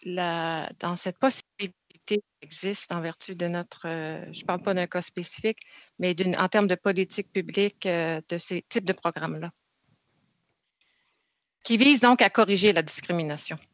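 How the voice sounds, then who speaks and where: A woman's voice: lowish voice, no echo. Woman senator asking formal questions. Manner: deliberate, formal, long winding questions. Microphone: video call. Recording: dull lo-fi video call audio.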